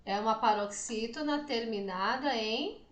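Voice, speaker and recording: Woman teacher, Brazilian Portuguese accent, slow careful explaining, somewhat high voice, echoey room. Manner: asks questions and checks understanding often. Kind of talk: slow, deliberate classroom explanation to students.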